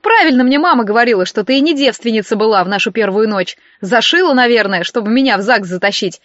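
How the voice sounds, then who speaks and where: A woman's voice: a little high, lively intonation, quick pace, fairly bright tone, no echo, lo-fi sound. A woman reading an audiobook, voicing a smug, mocking young husband with a mannered drawl. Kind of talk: audiobook character voice.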